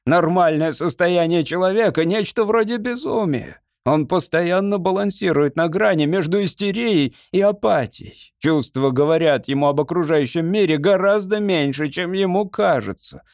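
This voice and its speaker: A man voicing an exhausted male sorcerer who explains things in a measured way, in an audiobook. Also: high voice, a little mellow, no echo, studio quality, voice pushed up. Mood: weary.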